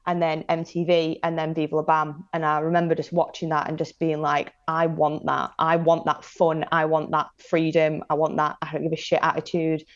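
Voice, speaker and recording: Speaking low and monotone at a normal speed with hardly any pauses, a late-twenties woman tells personal anecdotes as a podcast guest. She comes from northern England's Manchester and Blackpool area, has a Northern English accent, and is enthusiastic, slangy and informal. The audio is dull.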